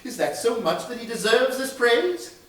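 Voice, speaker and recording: A man's voice: extremely high pitch, sing-song, very echoey, distant mic, pitched above the performer's own voice. A man doing a solemn childlike spirit. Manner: measured, formal pronouncements.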